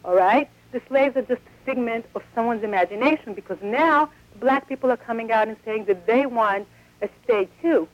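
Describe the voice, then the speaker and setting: Calling a talk radio program, this woman sounds upset and presses her argument insistently in long stretches. Her voice is on the high side at a moderate pace, coming through a dull, low-fidelity phone line.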